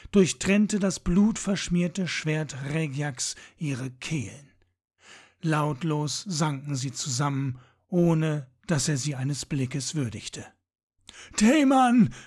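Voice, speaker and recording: A man reading a fantasy audiobook in a measured, dramatic storytelling manner. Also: fairly high pitch, a little mellow, slightly rough. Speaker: audiobook narrator. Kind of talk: scripted fantasy narration.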